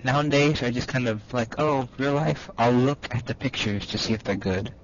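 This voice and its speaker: A man's voice: mid-range voice, normal speed. Dry-humored guy on a muffled call. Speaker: podcast co-host. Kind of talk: casual chat. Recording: muffled lo-fi call with faint hum.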